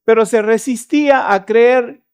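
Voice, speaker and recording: A man's voice: very high-pitched, a little slow, darkish tone, clear, resonant tone. A man preaching a sermon in church, retelling a Bible story and acting out its dialogue. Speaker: pastor.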